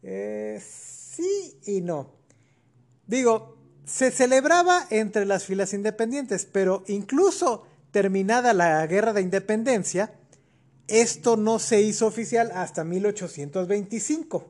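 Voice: mid-range voice, expressive, measured pace, a little mellow. A podcast co-host with a Mexican accent, explaining history in a casual chat with colloquial asides.

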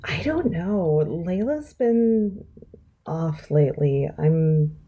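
A woman's voice: sits low, expressive, very slow, dark tone, breathy edge, muffled recording, exaggerated voice. A woman voicing a friendly young woman who chats with her housemates in a role-play.

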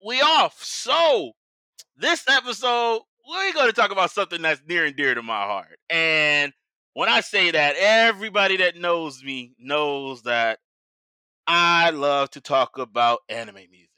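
A man's voice: a little high, sing-song, moderate pace, sharp tone, clear, resonant tone, no room sound. An American man hosting a podcast in casual, slangy chat, with hype-man flourishes when he announces things. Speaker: podcast host.

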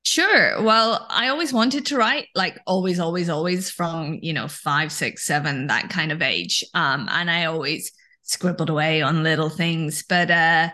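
Low-voiced woman on a video call. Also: unhurried, sharp tone. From Scotland. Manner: chatty, self-deprecating, frequent ums and laughs. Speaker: author guest.

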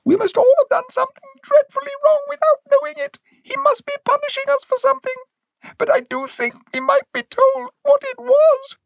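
A man reading an audiobook, voicing timid, frightened little mice in a squeaky, tearful voice. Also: steady tone, normal speed, vocal fry, no room sound, poor audio. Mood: fearful, plaintive.

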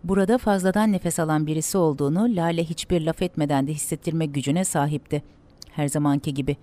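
A woman reading a dramatic story aloud in a steady, measured way. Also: low voice.

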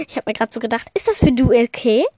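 A woman's voice: on the high side, lively intonation, dark tone, dry recording, studio quality. A woman chatting casually as a podcast host, hesitant and rambling, often apologizing and restarting her sentences. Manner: slow with many fillers and trailing off.

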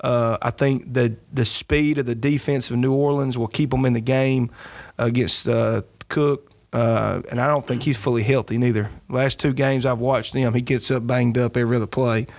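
A man's voice: medium pitch, fairly even intonation, normal speed, hardly any pauses, darkish tone, no room sound. A man co-hosting a casual sports podcast, talking through his betting picks in a boastful, joking way. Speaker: podcast co-host.

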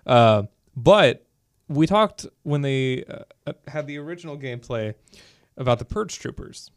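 A man co-hosting a casual podcast, talking fast and loose with lots of "like" and "you know". His voice sits in an ordinary middle pitch. The sound is dry and close, with no room around it. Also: clean tone, no room sound. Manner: animated, filler-heavy geeky talk. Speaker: podcast co-host. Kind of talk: casual chat.

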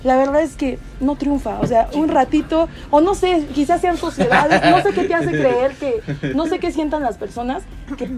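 High-voiced Mexican woman, chatty guest. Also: normal speed, loud music behind the voice. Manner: expressive, gossipy storytelling. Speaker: podcast guest. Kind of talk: casual chat.

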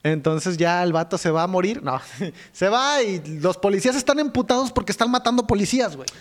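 A young man with a Mexican Spanish accent tells a movie story in a comic podcast. His voice sits high and he laughs often, peppering every line with crude slang. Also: animated, fairly quick. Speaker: podcast co-host. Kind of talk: comedic movie recap.

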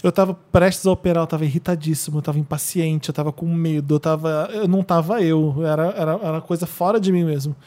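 Fast-talking Brazilian man, animated. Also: fairly high pitch. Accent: Brazilian Portuguese. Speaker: podcast co-host. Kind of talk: casual chat.

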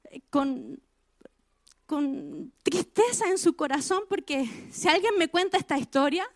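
A woman preaching with a high voice. She puts direct questions to her listeners and drives points home by repeating phrases. The recording is close and dry. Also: expressive, unhurried, no room sound. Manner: emphatic, repeats key phrases. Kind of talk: sermon.

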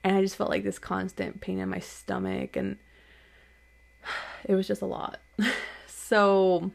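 Unhurried and completely flat in delivery, this woman's mid-range voice has a gravelly texture. Hosting her podcast alone, the young adult talks openly about something personal, her speech loose and heavy with "like."

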